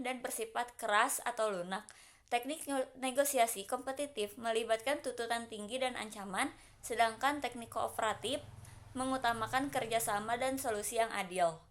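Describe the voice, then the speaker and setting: A young woman law student reading a prepared class presentation, listing points steadily with small restarts. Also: on the high side.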